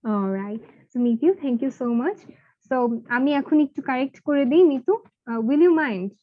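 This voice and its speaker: Slow, encouraging woman teacher. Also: high-pitched, lively intonation, narrow, tinny audio. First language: Bengali. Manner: encouraging, mixes Bengali and English, repeats words for drilling. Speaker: English teacher. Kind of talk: online live class, pronunciation drill. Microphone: video call.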